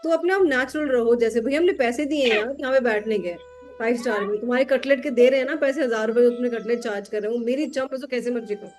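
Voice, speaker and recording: Chatty woman tarot teacher, higher voice. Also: fast talker, a little mellow, faint music behind. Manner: chatty, mixes English into Hindi. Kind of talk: casual conversation with a student.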